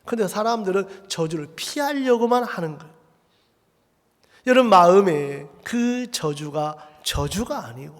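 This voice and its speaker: A male pastor preaching a Sunday sermon, animated, firing rhetorical questions at the congregation and acting out quoted voices. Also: high-pitched. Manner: acts out quoted voices in a raised, slowed delivery. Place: church sanctuary. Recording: long hall reverb.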